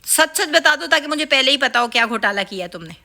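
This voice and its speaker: Woman playing a fed-up mother, scolding, high bright voice, family comedy skit. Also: lively intonation, vocal fry, exaggerated voice. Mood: stern.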